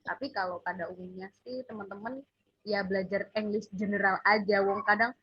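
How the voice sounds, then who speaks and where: A woman's voice: medium pitch, steady tone, a little fast, breathy edge, highs cut off. A woman teaching a casual one-on-one English lesson, patiently drilling letters for her student to repeat.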